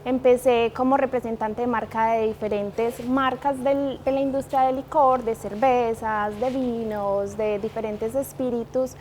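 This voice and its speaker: Colombian woman in her thirties, interview guest, fairly high voice, light hiss behind. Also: fairly even intonation, a little slow, few pauses, a little mellow. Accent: Colombian, from Manizales. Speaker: guest, liquor brand manager. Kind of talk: interview conversation.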